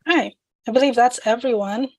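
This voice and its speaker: A woman's voice: fairly high pitch, moderate pace, a little mellow, dry recording, rough recording. A woman from Zambia moderates an online panel in a loose, friendly way, asking questions with plenty of fillers. Her headset gives a dry, close sound with no room. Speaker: moderator, game producer. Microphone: headset on video call.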